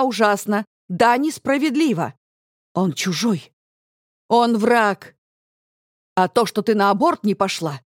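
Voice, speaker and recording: Audiobook: female reader as angry middle-aged mother, harsh, shouting, loud and dry. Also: mid-range voice, no echo, lightly acted.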